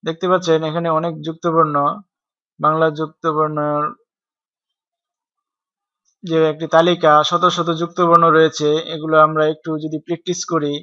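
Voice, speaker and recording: Slow man tutoring typing. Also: on the high side, flat delivery, bright, forceful tone, clean tone, no room sound. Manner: slow, step-by-step, spells out keys letter by letter. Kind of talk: screen-recorded software tutorial. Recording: dry, dull lo-fi home recording.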